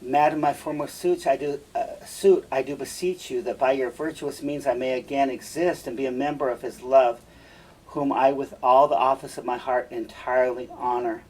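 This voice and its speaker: A man's voice: mid-range voice, steady tone, moderate pace, darkish tone, slightly rough, lightly acted. A man reading the part of Cassio, an earnest young male lieutenant pleading for help, in a class reading of a play. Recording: distant mic, faint room noise.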